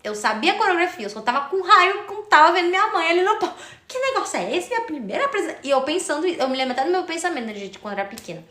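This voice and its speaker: A young woman with a high, bright voice chats on a live stream. She tells her story casually and breaks off to greet viewers by name. The sound has a roomy echo. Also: very animated, very fast, hardly any pauses. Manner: chatty, addresses viewers, thanks commenters by name.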